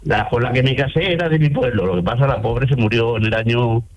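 A man's voice: medium pitch, fairly quick. An Andalusian man in his eighties calling into a radio show, rambling and repeating himself as he tells his story. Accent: Andalusian Spanish. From Córdoba province, Spain. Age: 80s. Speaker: caller. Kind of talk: phone-in chat on the radio. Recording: muffled phone line.

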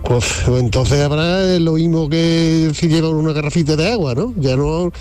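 A man's voice: fairly high pitch, measured pace, darkish tone, soft background music. A man leaving a voice message for a radio show, complaining and reasoning aloud.

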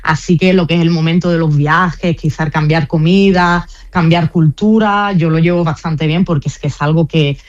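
In a muffled recording, a young Spanish woman with a low voice and steady tone talks at normal speed with hardly any pauses. She is a team press officer in a radio interview, chatty and prone to fillers and restarts, and her slight Andalusian accent blends in some Italian.

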